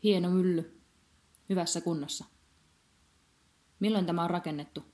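A terse, fussy male collector in a cloak, as a woman reader puts him on, short with his answers and then suddenly eager, in a storybook reading. The voice stays low and mellow, with soft, warm edges. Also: steady tone, lightly acted. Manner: terse, sighing, fussy refusals.

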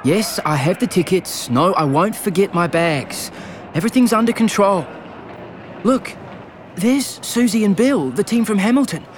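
A man's voice: sits high, animated, normal speed. A man playing a street-smart young racer in an audio drama, earnest and a little anxious. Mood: organised. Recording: clear background noise, outdoor ambience.

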